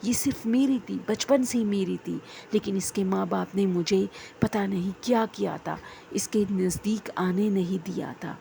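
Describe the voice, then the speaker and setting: Woman doing a crazed jinn guy, obsessive and threatening, raspy dark voice in a spooky story. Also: medium pitch, a little hiss or hum, close to an everyday voice. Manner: pleading and threatening, intense. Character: obsessive young male jinn, possessive and menacing.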